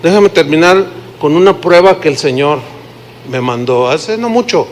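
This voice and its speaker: A middle-aged man with a Mexican accent, preaching a sermon and telling a story, acting out the quoted dialogue with shifts in pitch and volume. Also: moderate pace, slight background noise. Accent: Mexican Spanish. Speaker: pastor.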